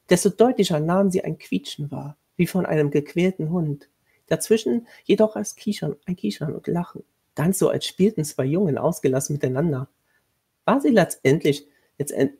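A man reading his own horror short story aloud in a measured way, with a husky voice and occasional restarts. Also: fairly high pitch, dark tone.

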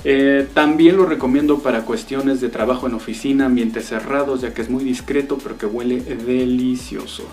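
A man's voice: mid-range voice, steady tone, normal speed, few pauses, a little mellow. A man reviewing perfumes in a casual vlog, talking with eager sighs and exclamations. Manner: enthusiastic, savoring sighs and exclamations.

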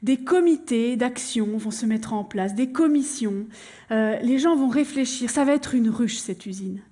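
A woman on stage telling a true story to an audience, animated and acting out the scenes as she goes. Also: fairly high pitch, unhurried.

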